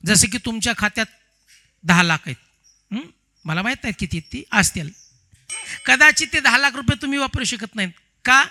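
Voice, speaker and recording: A man preaching a devotional sermon, telling parables in an animated way and asking the audience rhetorical questions. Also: very high-pitched, fairly quick, long pauses. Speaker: kathakar preacher.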